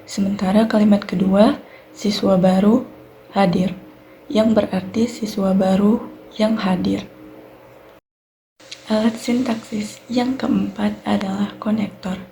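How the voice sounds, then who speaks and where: A young woman with an Indonesian accent, a university student giving a clear, methodical recorded class presentation on sentence structure. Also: medium pitch, fairly even intonation, unhurried, mellow, a little hiss or hum. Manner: clear explanatory delivery, fillers like "nah" and "baik".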